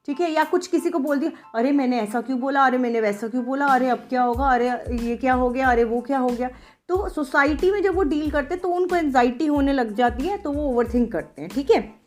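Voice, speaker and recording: A woman's voice: sits high, darkish tone. A woman hosting a self-help podcast, explaining in a teacherly way, mixing English terms into her speech and often checking in with listeners. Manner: teacherly, repeats points with frequent check-ins; mixes English terms into Hindi. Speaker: podcast host, doctor.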